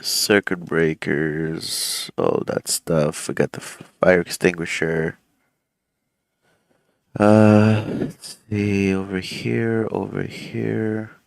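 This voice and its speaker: Working through cockpit checks on a flight sim stream, a man who flies for an airline chats loosely with lots of fillers and a slightly swollen throat. He has a deep, gravelly voice and draws out his words, recorded at studio quality with no room sound.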